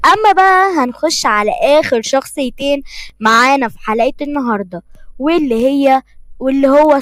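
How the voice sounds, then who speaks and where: A woman's voice: high-pitched, a bit bright, dry recording. Chatty Egyptian woman telling a story. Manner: chatty, with restarts and asides to listeners. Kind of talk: casual storytelling narration.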